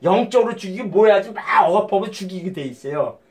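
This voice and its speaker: A man delivers an informal sermon in a notably high voice for a man. He talks bluntly and swears freely. His steady talk keeps breaking into sudden, emphatic outbursts. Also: quick pace. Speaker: lay preacher.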